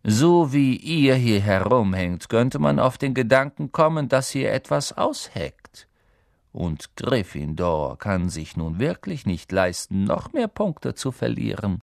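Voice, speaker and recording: A man reading aloud, voicing a stern, snide male schoolmaster with a slow, silky, mocking delivery. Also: medium pitch, sing-song, creaky, a little mellow, no echo, clean studio sound, exaggerated voice. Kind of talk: audiobook character voice.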